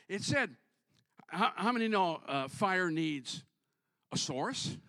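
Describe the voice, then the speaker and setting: Emphatic high-voiced preacher, lively swings. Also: male voice, slow pace, no room sound, clean studio sound. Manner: emphatic preaching, builds to shouts, jokes with the congregation. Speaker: pastor. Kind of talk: sermon.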